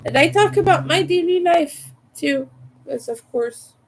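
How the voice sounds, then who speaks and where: A woman's voice: very high voice, animated, unhurried, rough recording. A woman hosting a casual livestream chat in a rambling way, her voice congested and nasal from a cold, as if her nose were pinched. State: stuffy nose from a cold and allergies. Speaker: livestream host.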